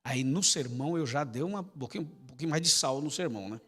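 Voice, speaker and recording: A man's voice: medium pitch, quick pace, a bit bright, husky. A man preaching as a pastor, telling a story to his congregation, acting out dialogue and speaking directly to them. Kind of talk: storytelling sermon. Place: church sanctuary. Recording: long hall reverb with piano music behind.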